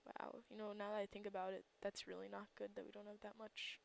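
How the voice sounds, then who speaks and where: Groggy woman with a gravelly morning voice. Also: mid-range voice, flat delivery, quick pace. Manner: rambling, thinks aloud with frequent fillers. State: groggy just-woke-up morning voice. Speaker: server owner and gameplay commentator. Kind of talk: casual gameplay commentary.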